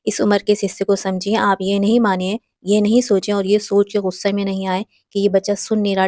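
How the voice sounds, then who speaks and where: Warm-voiced woman giving earnest parenting advice. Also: mid-range voice, no echo, studio quality. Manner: earnest, instructive, addresses viewers directly. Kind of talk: direct advice talk to mothers.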